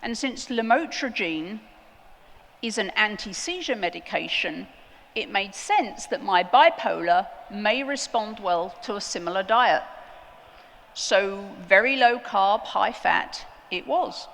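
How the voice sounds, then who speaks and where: A woman giving a prepared conference talk, earnest and emphatic, with deliberate pauses. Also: medium pitch, expressive, vocal fry, fairly bright tone. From outside the United States. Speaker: conference speaker. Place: large conference hall. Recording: long hall reverb.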